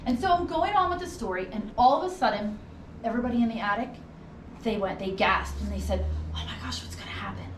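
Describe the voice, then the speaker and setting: Quick-paced and fairly high-pitched with lively intonation, this woman guides a ghost tour, recounting tales conversationally and acting out the dialogue. Noticeable background noise comes through the roomy, distant mic.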